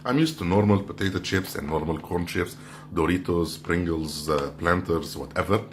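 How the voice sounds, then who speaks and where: A man's voice: low-pitched, normal speed. A man giving a casual food review, talking while he handles and crunches chips, in an off-the-cuff vlog style. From outside the Philippines. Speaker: snack reviewer. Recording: clearly noisy background.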